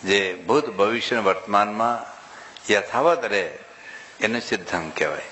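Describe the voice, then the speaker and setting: Lively, bright-voiced monk preaching. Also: male voice, lowish voice, a little hiss or hum, low-quality recording. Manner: lively, rhetorical, quizzes the audience and calls for loud answers. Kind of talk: humorous sermon to a live audience.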